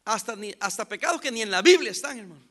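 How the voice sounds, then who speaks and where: A man preaching a sermon as pastor, telling stories with acted-out dialogue and loud emphatic bursts. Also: high voice, animated, fast talker.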